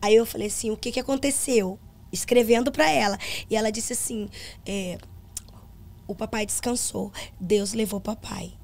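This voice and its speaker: Her voice sits at medium pitch with a darkish tone and a moderate pace. This middle-aged woman, a pastor and gospel singer, earnestly tells her personal testimony on a podcast and performs the dialogue as she goes.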